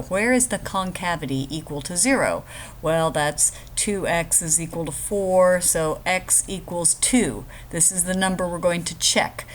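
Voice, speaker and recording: A woman's voice: on the low side, slight background noise. A woman math instructor giving a casual, chatty screen-recorded lecture, explaining step by step with joking asides.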